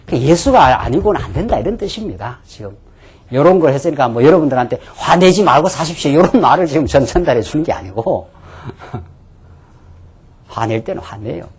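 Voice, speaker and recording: A man's voice: medium pitch, very animated, fairly quick, long pauses, a little mellow, slightly rough. A man pastor giving a conversational Bible lecture sermon, often adding affirming asides and rhetorical questions.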